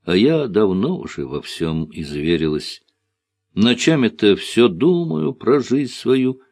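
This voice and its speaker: A man voicing a weary middle-aged village woman in an audiobook, husky, with folksy, soft, reproachful speech. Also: lowish voice, lively intonation, slow, dry recording, clean studio sound, heavily acted. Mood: bitter. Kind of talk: audiobook character reading.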